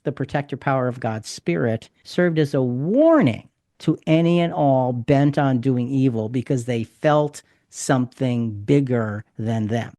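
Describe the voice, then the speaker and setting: A man's voice: medium pitch, dark tone, no room sound, clean studio sound. Emphatic man leading a Bible discussion. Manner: emphatic, explanatory, repeats key points. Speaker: podcast host.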